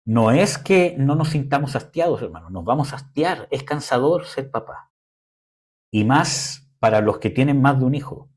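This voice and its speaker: Husky young man preaching casually. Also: medium pitch, expressive, moderate pace. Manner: conversational preaching, frequent "¿cómo se llama?" fillers. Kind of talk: sermon.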